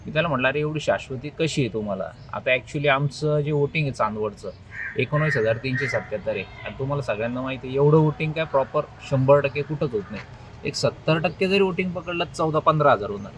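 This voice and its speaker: Speaking quickly over background noise, a man with a Maharashtrian accent talks informally in his role as an election candidate. His mid-range voice carries both a casual phone call and a spoken public statement.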